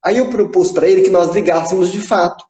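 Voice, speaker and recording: A man's voice: sits high, fairly quick, dark tone. A young man, a psychodrama psychologist, casually recounting a therapy session with a child and acting out the quoted dialogue. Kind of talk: casual storytelling in a live chat. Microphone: phone on a live video stream. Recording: echoey room.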